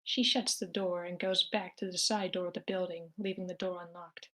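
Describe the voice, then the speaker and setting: Reading action lines aloud for an amateur screenplay table read, a woman keeps a plain delivery that occasionally stumbles. She speaks at normal speed in a level, low-leaning voice with a fairly bright tone.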